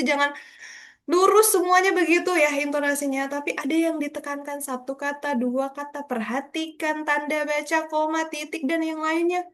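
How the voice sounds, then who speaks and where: A woman's voice: high-pitched, fairly bright tone. A woman leading a beginners' public speaking workshop, encouraging her audience and demonstrating tongue twisters and intonation aloud. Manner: encouraging, addresses audience as Bapak Ibu and kakak-kakak. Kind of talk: workshop lecture.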